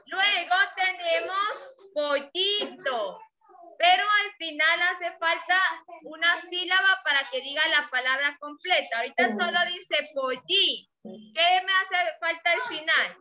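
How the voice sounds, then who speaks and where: High-voiced slow kindergarten teacher. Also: female voice. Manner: slow, deliberate, sounds out syllables, frequent praise. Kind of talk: remote phonics lesson for small children. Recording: dull lo-fi audio with steady noise.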